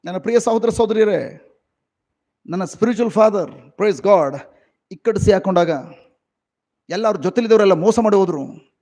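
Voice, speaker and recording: A middle-aged Indian man preaches in a Kannada-accented voice that sits high for a man. His delivery is emotional, rising into loud exclamations and then sinking into quiet, reflective asides. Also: normal speed, long pauses. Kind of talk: sermon.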